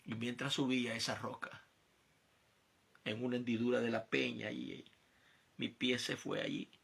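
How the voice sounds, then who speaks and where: Gravelly preacher, emphatic. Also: male voice, medium pitch, little pitch movement, normal speed. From El Salvador. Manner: emphatic, swinging from quiet to loud climbs. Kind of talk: sermon testimony.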